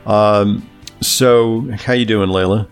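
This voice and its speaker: Male podcast host, slightly hoarse, low pitch, casual and halting delivery. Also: steady tone, soft background music. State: slightly hoarse after screaming at a game. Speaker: podcast and radio host, doctor. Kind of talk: casual talk show chat.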